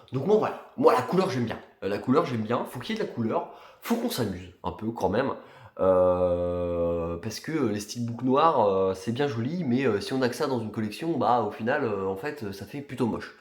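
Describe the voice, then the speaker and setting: A young man vlogging casually about his new purchases, talking in a relaxed way with many fillers and restarts. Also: mid-range voice, moderate pace, reverberant. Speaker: collector vlogger. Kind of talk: casual chat.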